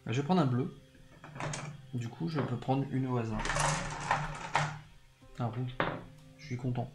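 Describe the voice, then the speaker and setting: A man's voice: medium pitch, unhurried, loud music behind the voice. A man streaming a board game live, cracking dry teasing jokes and explaining the rules.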